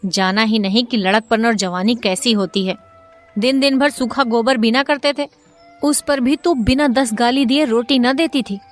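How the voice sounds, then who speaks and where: A woman voicing a bitter, hot-headed young peasant man who shouts his resentment. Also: a little high, close to an everyday voice.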